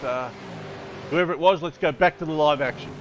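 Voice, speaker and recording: A man's voice: fairly high pitch, fairly quick, lo-fi sound, noisy background. A man calling a motor race live as a commentator, running through drivers and the action.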